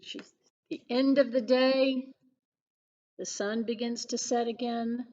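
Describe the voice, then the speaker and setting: In a public library, a woman who works as a children's librarian reads a picture book aloud, telling the story expressively and asking the young listeners questions. Her voice is fairly high and the sound is lo-fi.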